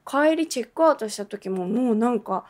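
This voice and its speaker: Lively woman telling a story. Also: fairly high pitch, fairly quick. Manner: lively, laughs often, acts out quoted people. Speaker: host. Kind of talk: casual storytelling monologue.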